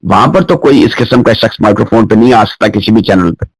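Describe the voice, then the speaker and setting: A man's voice: lowish voice, fast, husky, dry recording, poor audio. A man from Pakistan hosting a radio sports program, interviewing a guest politely and formally. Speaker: radio sports show host.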